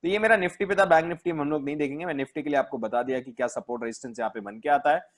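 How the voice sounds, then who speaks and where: A man's voice: on the high side, fast talker. An Indian man hosting a stock market video, talking casually through charts in Hindi sprinkled with English terms, with many fillers and self-corrections. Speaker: host, stock market analyst. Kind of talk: casual market analysis, screen walkthrough.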